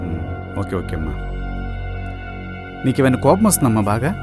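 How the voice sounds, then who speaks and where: An actor playing a calm, fatherly male doctor, speaking gently with many murmured hums. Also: medium pitch, a little fast, music in the background, natural voice. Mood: probing. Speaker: doctor and boss. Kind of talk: film dialogue.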